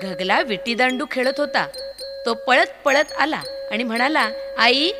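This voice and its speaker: A woman reading a children's story aloud, expressive and sing-song, in a hall with long reverb and faint music behind. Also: high-pitched, a little slow.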